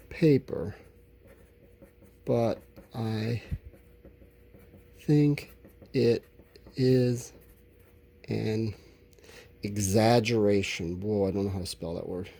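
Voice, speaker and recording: In an instructional lesson, a man thinks aloud while writing out answers, talking informally and stretching his words. His voice sits at medium pitch, creaky and dark in tone.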